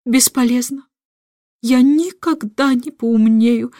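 A woman reads a forgetful, boastful storybook king who hates his lessons, whiny and pompous as he draws out every word slowly. Her voice sits fairly high, and the close, dry sound has almost no room echo.

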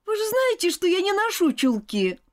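A woman voicing a spoiled, willful little girl who whines and pleads in a high, swooping voice. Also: big pitch swings, moderate pace. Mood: defiant. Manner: whiny and pleading.

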